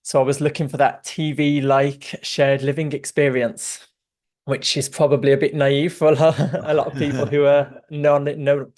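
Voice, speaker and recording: A man's voice: fairly high pitch, flat delivery, moderate pace, a little mellow. A man in his thirties with a slightly Brummie English accent, telling his story in an earnest, chatty way as a podcast guest. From England. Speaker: guest, software co-founder. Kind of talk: casual interview chat.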